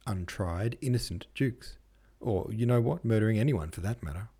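A man's voice: lowish voice, normal speed, dark tone, slightly rough. A man voicing a flustered, sarcastic society hostess. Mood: pleading. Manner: pleading, sarcastic. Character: flustered society hostess, middle-aged woman.

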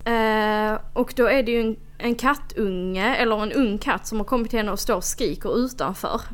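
A young adult woman co-hosting a casual podcast. She tells a story with animation and acts out the quoted dialogue. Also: medium pitch. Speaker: podcast co-host.

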